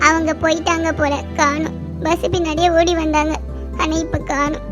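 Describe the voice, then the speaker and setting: A woman's voice: sits high, flat delivery, normal speed, over music, natural voice. A woman voicing a proud, stubborn young college girl in a cartoon love story, snapping back huffily. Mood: sad. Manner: huffy, snappy retorts. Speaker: heroine.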